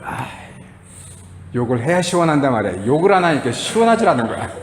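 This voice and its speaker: A middle-aged man preaching a sermon as a pastor, telling stories with animated acted-out quotes and chuckles. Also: medium pitch, fast talker. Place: church sanctuary. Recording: echoey church hall.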